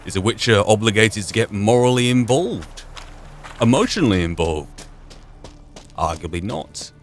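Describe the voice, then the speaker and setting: Over video game music and slight background noise, a man with a low, expressive voice talks at a moderate pace through a roleplay playthrough, musing both in and out of character. His solo commentary is reflective and philosophical, and he keeps posing rhetorical questions to himself.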